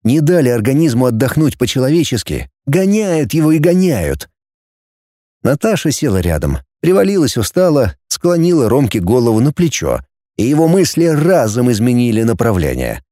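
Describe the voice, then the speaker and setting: Expressive male storybook narrator. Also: mid-range voice, moderate pace, no echo, clean studio sound. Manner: expressive reading. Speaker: audiobook narrator.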